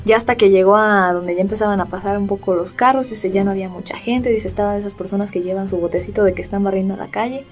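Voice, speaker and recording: A woman's voice: mid-range voice, quick pace, few pauses, faint music behind. Young Mexican woman telling a spooky tale. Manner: animated retelling, peppered with reported speech. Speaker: podcast co-host. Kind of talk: casual storytelling chat.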